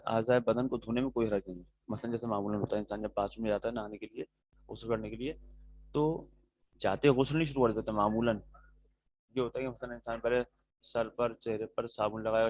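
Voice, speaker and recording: A man's voice: mid-range voice, fairly even intonation, a little mellow, no echo, rough recording. A male religious teacher giving a classroom lecture on religious rulings. He explains step by step, answers his students' questions directly and keeps checking that they follow.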